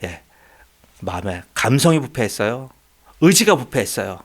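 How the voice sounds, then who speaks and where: A man's voice: medium pitch, sing-song, normal speed, fairly bright tone. A man, the pastor, preaching a sermon in a church, emphatic, with rising peaks and frequent short affirming asides. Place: church sanctuary.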